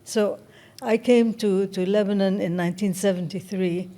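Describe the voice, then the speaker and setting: Older woman with a warm, mellow voice. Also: medium pitch, fairly even intonation. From Egypt. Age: around 70. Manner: measured and thoughtful, often pausing to find words. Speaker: interview guest, writer. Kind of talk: reflective interview talk.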